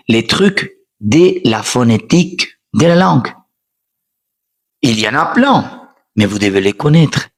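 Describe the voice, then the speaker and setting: Slow, animated man teaching in a podcast. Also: on the high side, gravelly, husky. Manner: explains by asking rhetorical questions and repeating points; emphatic, insistent teaching tone. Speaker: French teacher. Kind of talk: podcast language lesson.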